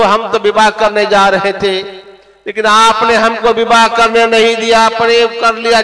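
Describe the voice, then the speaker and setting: A man's voice: high-pitched, sharp tone. A man voicing a remorseful male sage who questions and pleads in a devotional sermon, heard with long hall reverb.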